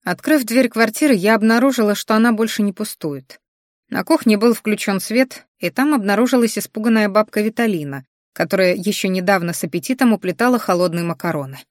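A woman reading a first-person audiobook, expressive and sardonic. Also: mid-range voice, brisk, no room sound, clean studio sound. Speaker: audiobook narrator.

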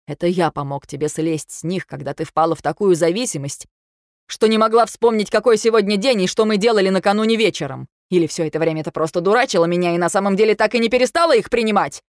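Woman reader doing a hurt husband, reproachful, cold, low voice, dry close audiobook sound. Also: fairly even intonation, fairly quick, hardly any pauses, a little mellow, no room sound. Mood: accusing. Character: hurt, angry young husband on the phone. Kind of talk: audiobook reading.

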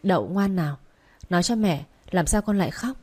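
A woman reading a young mother in an audiobook, coaxing her small son in a soft voice. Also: lowish voice, animated, a little fast. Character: young mother, gentle and anxious.

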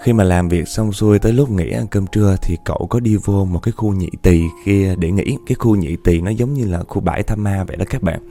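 A man telling a ghost story, animated, repeating words for effect and speaking straight to his listeners. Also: deep voice, a little fast, hardly any pauses, soft background music. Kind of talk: spoken ghost story narration.

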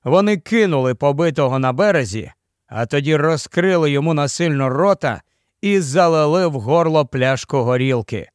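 A man narrating a gritty crime audiobook in a measured, steady storytelling manner. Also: fairly high pitch, no room sound, clean studio sound.

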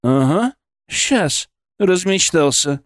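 Guy putting on a low gruff surgery boss, teasing and bossy, audiobook voice. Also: very animated, normal speed, no echo, clean studio sound. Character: gruff mocking male surgery chief, middle-aged.

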